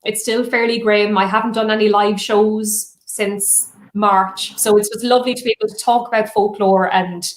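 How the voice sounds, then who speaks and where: A woman's voice: medium pitch, fairly even intonation, normal speed, hardly any pauses, slight background noise. An Irish woman storyteller chatting casually as an interview guest, with a lilting way of speaking. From Ireland. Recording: roomy, echoing sound.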